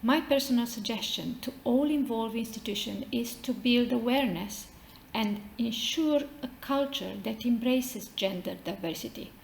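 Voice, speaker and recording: A woman with a Romanian accent delivers a prepared, formal address. Her voice sits a little high with a gravelly creak, recorded with noticeable room echo and faint noise. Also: normal speed. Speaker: maritime association representative, speaker.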